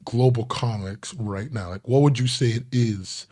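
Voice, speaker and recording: A man's voice: mid-range voice, unhurried, a little mellow. Chatty man hosting an interview. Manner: loose, rambling questions with many fillers. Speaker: interviewer and channel host. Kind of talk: casual interview.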